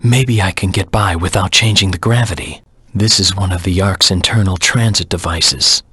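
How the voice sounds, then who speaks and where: A dark, vengeful hedgehog anti-hero from a video game. His voice is low and very husky, with a gritty rasp and a dry, close sound. He speaks in grim, terse, dramatic phrases, brooding throughout. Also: normal speed, dry recording, heavily acted. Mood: tense, focused.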